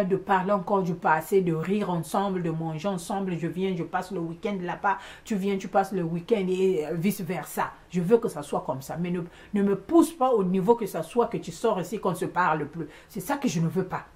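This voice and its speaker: A woman's voice: fairly low pitch, normal speed, few pauses. Emphatic woman telling a story. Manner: animated, emphatic, repeats words for stress; mixes in English exclamations. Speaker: vlogger recounting a household conflict. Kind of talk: casual storytelling monologue.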